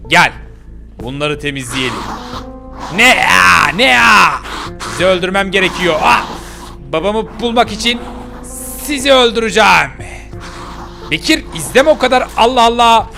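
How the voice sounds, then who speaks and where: A man's voice: sits high, lively intonation, moderate pace, vocal fry, pushed and bright, soft background music, pitched above the performer's own voice, exaggerated voice. A man voicing a brave, determined young girl in a game role-play, bossy and urgent as she scolds her companion.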